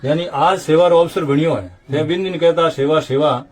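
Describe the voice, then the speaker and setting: A man's voice: on the high side, soft background music. Older Rajasthani man reciting devotional lore. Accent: Marwari. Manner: slow chanting delivery of couplets. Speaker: saint narrating temple history. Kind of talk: devotional storytelling with recited verse.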